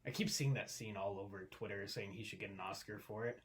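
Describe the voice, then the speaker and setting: A man's voice: fairly low pitch, steady tone, brisk. A young man co-hosting a podcast in casual chat, laid-back and often chuckling. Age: young adult. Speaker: podcast co-host.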